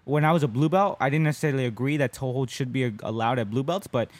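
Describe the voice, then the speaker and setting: A fast-talking man with a mid-range voice co-hosts a casual podcast, discussing jiu-jitsu, the sport he competes in. He's conversational and keeps checking in with "right?" There's no room sound.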